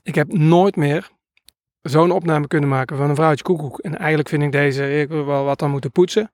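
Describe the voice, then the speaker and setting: A man's voice: on the high side, darkish tone, no echo, clean studio sound. A man who records nature sounds, telling stories in a casual interview and rambling hesitantly with many filler sounds.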